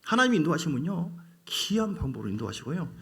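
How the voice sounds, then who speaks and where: A male pastor preaching in a church sanctuary, his voice riding a little high and swinging widely in pitch. He drops to quiet, confiding asides, then surges into loud exhortations. He also leads the congregation in call-outs. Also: very animated, fast talker. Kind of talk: sermon.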